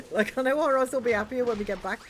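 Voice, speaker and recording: A woman streamer with a slightly high voice tells rambling stories as she plays a game, chatting casually in regional slang. Slight background noise can be heard.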